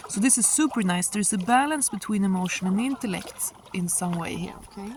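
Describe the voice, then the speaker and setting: A woman giving a casual, musing tarot reading outdoors by the water, halting at times and drawing out some words. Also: mid-range voice, a little mellow. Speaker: tarot reader and host. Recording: outdoor recording with water noise. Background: sound of moving water.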